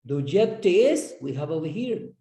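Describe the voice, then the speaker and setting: A man explaining his classroom lesson plan as an English teacher, halting and repeating words as he goes. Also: on the high side, sing-song, warm tone. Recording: roomy echo.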